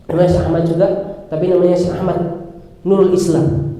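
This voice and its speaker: A man from Indonesia preaching a dawn study sermon, lively, breaking into chanted Quran recitation. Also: high voice, brisk. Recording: echoey hall, reverberant.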